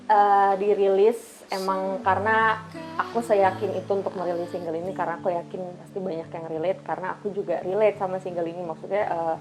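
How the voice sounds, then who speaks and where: A nineteen-year-old woman singer talks through her new release in a casual TV interview. She sounds friendly and earnest and explains things at length. Music plays clearly in the background. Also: medium pitch, level tone, brisk, darkish tone. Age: teens. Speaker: singer, guest.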